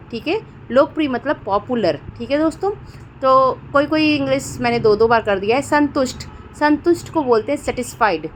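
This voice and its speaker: A woman's voice: fairly high pitch, slight background noise. A woman with an Indian accent teaching English words, who keeps checking in with her listeners and asks each question before she answers it. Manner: repeats "theek hai doston" often and asks questions before giving answers. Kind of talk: spoken vocabulary lesson.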